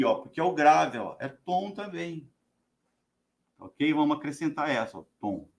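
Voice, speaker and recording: A man's voice: fairly high pitch, echoey room. A Brazilian man teaching guitar, chanting strum patterns in syllables and counting beats aloud. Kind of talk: spoken guitar lesson with rhythm syllables. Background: guitar playing.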